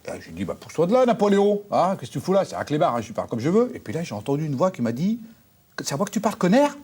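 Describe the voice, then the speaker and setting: An actor playing a brash, crude fairground owner who claims to speak with the dead, talking in loud slang that jumps into high squeals. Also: male voice, sing-song, racing, slightly rough. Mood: rowdy. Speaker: talk show guest claiming to speak with the dead. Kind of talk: sketch comedy acting.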